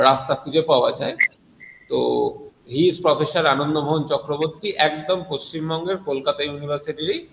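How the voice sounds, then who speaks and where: A man's voice: fairly high pitch, a bit bright, a little hiss or hum. A man teaching an online science class, explaining with frequent fillers and self-corrections, his voice heard in a heavy echo like a cathedral. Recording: echoey, reverberant room sound.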